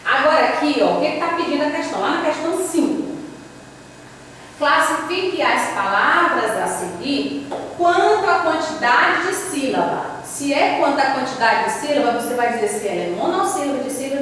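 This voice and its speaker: A Brazilian Portuguese-speaking teacher walks through a lesson step by step, repeatedly saying "ó" as she points at the board. Her high voice is very animated and fairly bright, at a normal speed. The classroom recording is echoey, with a distant mic and faint noise.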